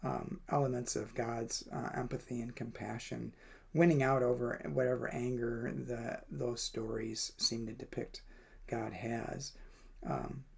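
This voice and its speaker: This reflective devotional reading comes from a man who offers his own commentary, hesitating often and leaning on fillers. His mid-range voice is creaky and husky, shows little pitch movement, and moves a little slowly.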